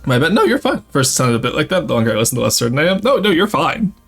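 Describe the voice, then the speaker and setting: A man's voice: fairly high pitch, big pitch swings, very fast, gravelly, fairly bright tone, slightly rough, faint music behind. A young French Canadian man with a light Québécois accent, chatting casually with his viewers while playing a strategy game. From Quebec, Canada. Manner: chatty, reads and answers chat while playing. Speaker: streamer. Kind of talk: casual gameplay livestream chat.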